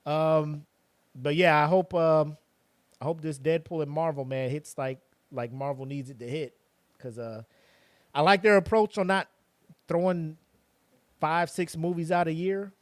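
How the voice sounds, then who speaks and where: A man co-hosting a podcast in casual chat, animated and sarcastic, full of slang. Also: fairly high pitch, a little slow, pauses often, no echo. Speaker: podcast co-host.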